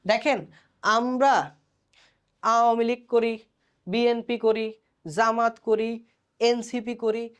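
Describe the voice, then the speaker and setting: A man's voice: extremely high pitch, monotone, slow pace, long pauses, clean tone. Bangladeshi man teaching sociology. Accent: Bangladeshi Bengali. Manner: colloquial, poses questions then answers them himself. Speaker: sociology tutor. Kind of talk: recorded exam-prep lecture.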